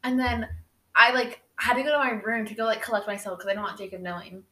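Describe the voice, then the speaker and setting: This young female podcaster talks fast, with a slightly high, steady voice and a bright, forceful tone, chatting her way through a story full of fillers. The room echo is noticeable.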